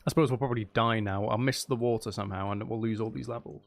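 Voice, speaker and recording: A man hosts his own channel, streaming gameplay with casual commentary as he thinks aloud and second-guesses himself in a wry, joking way. His voice is lowish, steady and gravelly, and he talks fast.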